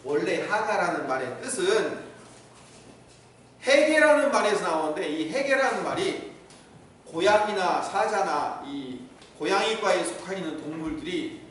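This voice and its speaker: A man's voice: high voice, sing-song, unhurried, fairly bright tone, a little hiss or hum. A middle-aged male pastor preaching a sermon, teaching and asking the congregation questions. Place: church sanctuary. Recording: echoey hall, mic from far off.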